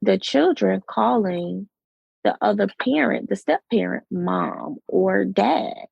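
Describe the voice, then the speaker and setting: Woman podcast host, raspy and unhurried, gravelly, close dry mic. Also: medium pitch, animated, no echo, lo-fi sound. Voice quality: raspy late-night voice. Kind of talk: casual podcast chat.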